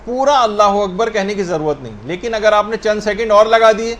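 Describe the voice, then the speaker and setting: In a muffled recording, a man with a high, slightly bright voice gives a religious lesson on how to pray. He works through the rules one point at a time, slowing down to spell out the proper pronunciations.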